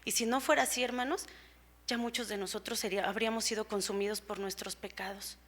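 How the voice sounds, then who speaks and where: A woman's voice: mid-range voice, fairly even intonation, fast talker, a bit bright. A woman preacher giving a sermon in an earnest, explanatory way, with rhetorical questions and frequent fillers, in a church.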